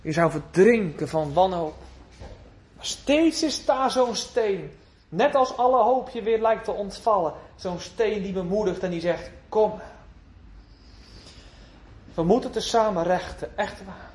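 A man with a notably high voice preaching a sermon. He talks earnestly, lifting his voice for calls and sinking to soft, tender phrases, and he often asks his listeners questions. His wording is old-fashioned and biblical. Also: expressive, measured pace. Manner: earnest, swinging between emphatic raised lines and hushed tender phrases.

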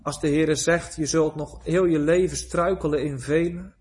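A man preaching a sermon, moving from quiet, hushed passages to rising, pleading cries. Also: fairly high pitch, fairly even intonation, moderate pace.

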